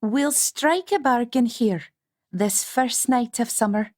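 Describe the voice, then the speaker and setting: A man voicing a young, formidable witch woman with a Scottish accent, chiding in brisk dialect, for an audiobook. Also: very high-pitched, voice pushed up. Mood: firm. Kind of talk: audiobook character voice.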